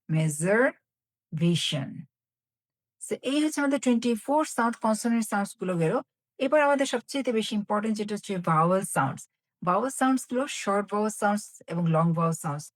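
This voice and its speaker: A woman teacher giving a phonics lesson, explaining in Bengali and slowly repeating each English sound and example word. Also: mid-range voice.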